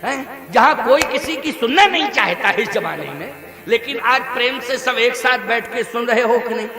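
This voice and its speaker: A man's voice: lively intonation, moderate pace, pushed and bright, faint music behind. A male preacher, delivering a scripture sermon to a large gathering, asking the crowd questions for them to answer back. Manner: booming, preaches with call-and-response questions to the crowd. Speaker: religious storyteller. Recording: echoey hall, long reverb.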